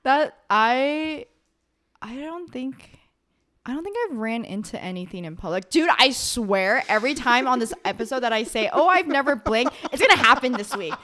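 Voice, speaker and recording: A young woman co-hosting a podcast, chatting casually and telling personal stories in an excitable, giggly way. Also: fairly high pitch, normal speed. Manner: excitable, giggly, animated storyteller. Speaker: podcast co-host. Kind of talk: casual chat, personal storytelling.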